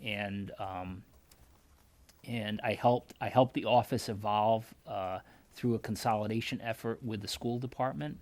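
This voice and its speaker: Measured man answering interview questions. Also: lowish voice, a little mellow. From Connecticut. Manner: earnest, measured, thinks aloud. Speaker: job candidate for town manager.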